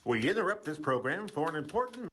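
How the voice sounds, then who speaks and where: A man's voice: fairly high pitch, very animated, quick pace, loud music behind the voice, pitched above the performer's own voice. A man voicing an emergency announcer cutting into a program, a hijacked-broadcast interruption in a comedy sketch, played back from a video. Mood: urgent.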